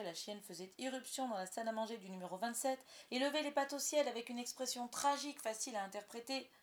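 A woman narrating a storybook aloud with expressive storytelling. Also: fairly high pitch, a little hiss or hum. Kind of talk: audiobook narration.

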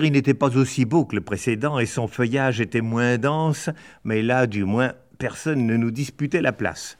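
A middle-aged man reading a children's story aloud in a gentle, lightly wry storytelling voice. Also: mid-range voice. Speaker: narrator.

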